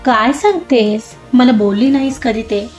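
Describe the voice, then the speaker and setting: A woman voicing a gentle, caring middle-aged father in an audio story, speaking softly and fondly. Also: fairly high pitch, a little slow, lightly acted. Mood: concerned. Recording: roomy muffled recording, soft music.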